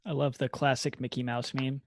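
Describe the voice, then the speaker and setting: A man co-hosting a casual podcast debate, enthusiastic and animated as he argues his pick. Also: medium pitch, brisk, dry recording. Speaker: podcast co-host.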